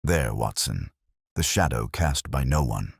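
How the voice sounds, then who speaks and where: Man voicing Sherlock Holmes, deep, clipped and commanding. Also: animated, unhurried, vocal fry, slightly rough, dry recording, studio quality, heavily acted. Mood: hushed, intent. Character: commanding, shrewd male detective, clipped and precise.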